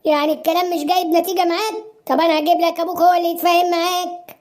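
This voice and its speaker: A woman's voice: very high-pitched, flat delivery, very fast, a little mellow. A woman voicing an overbearing middle-aged mother in a cartoon, nagging and melodramatic with an Egyptian Arabic accent. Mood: scolding.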